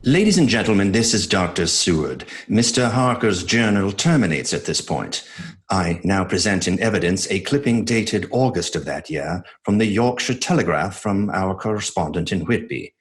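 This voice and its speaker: A grave doctor narrating in a horror radio play. His low voice swings widely in pitch. The phrasing is theatrical and full of suspense. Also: animated, normal speed. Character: grave, theatrical doctor presenting evidence and reading news report.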